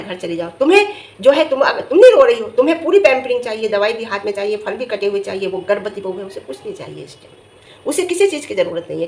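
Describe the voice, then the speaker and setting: A middle-aged woman giving casual vlog commentary, emphatic and scolding, her voice jumping high when she gets indignant. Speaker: vlogger reviewing family vlogs. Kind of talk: casual talking-head commentary.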